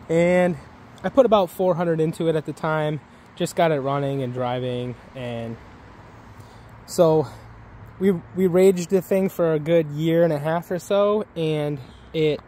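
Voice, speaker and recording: Vlogger, man, 30s: slow, rambling, casual; handheld camera outdoors, faint ambience. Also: a little high, dark tone, a little hiss or hum. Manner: laid-back, rambling with fillers. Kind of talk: casual vlog walkthrough. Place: outdoor yard by woods. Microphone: handheld camera at arm's length.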